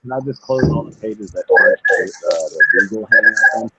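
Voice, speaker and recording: A man's voice: fairly low pitch, huge pitch swings, normal speed, gravelly, bright, forceful tone, breathy edge. A man chatting casually and cursing loosely as a podcast guest, his voice tinny as if through a tin can over a cell phone. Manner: loose and profane, joking. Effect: tinny cell phone audio, like a tin can. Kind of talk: casual chat. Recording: muffled cell phone line with faint noise.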